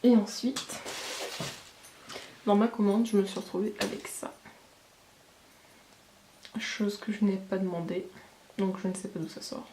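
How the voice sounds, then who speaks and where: A woman's voice: medium pitch, mellow. Chatty woman vlogging in an echoey room. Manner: chatty, many fillers and hesitations. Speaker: beauty vlogger. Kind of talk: casual haul and product review. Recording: echoey room with background noise.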